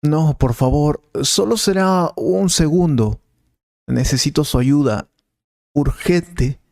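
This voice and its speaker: A man's voice: fairly high pitch, slow pace, vocal fry, a little mellow, dry recording, clean studio sound. A man playing an eager student who pleads with his teacher for help in a scripted learner dialogue. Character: eager young male student asking for help.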